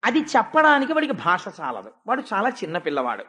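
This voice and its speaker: A man giving a devotional sermon, telling a sacred story and swinging from hushed tones to emphatic ones, slowing down for stress. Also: high-pitched, huge pitch swings, breathy edge. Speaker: devotional discourse speaker.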